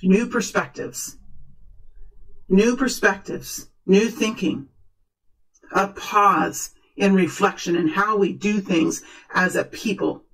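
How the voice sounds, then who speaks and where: A woman speaking as a fortune teller, improvising a tarot reading in earnest, halting, repeated short phrases. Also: medium pitch, rough recording. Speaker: tarot reader, host.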